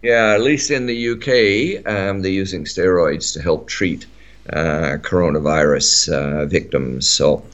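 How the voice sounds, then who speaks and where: Australian man, middle-aged, low voice, rambling radio chat, muffled lo-fi sound. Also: measured pace. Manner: rambling, many fillers and restarts. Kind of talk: casual talk radio chat.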